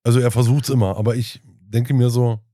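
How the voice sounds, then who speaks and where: A man's voice: medium pitch, steady tone, fairly quick, dark tone, no room sound, clean studio sound. A middle-aged man in casual podcast banter, teasing and making crude jokes. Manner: teasing, crude jokes, asks "weißt du?" often. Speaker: podcast co-host, father.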